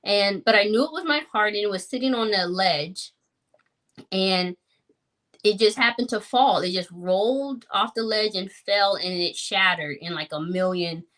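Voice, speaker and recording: A woman's voice: medium pitch, moderate pace, a bit bright. A woman in her thirties sharing her personal story in a podcast conversation, reflective and earnest, with many fillers.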